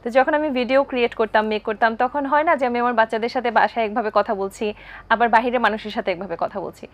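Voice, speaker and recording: A woman appearing as a guest on a talk show, telling stories about her life in a brisk, anecdotal way. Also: on the high side. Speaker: content creator guest. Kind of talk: talk show interview answers.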